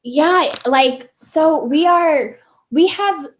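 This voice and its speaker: A woman interviewing in a casual, conversational way, reacting in an animated manner to what she hears. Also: sits high, drawn-out words.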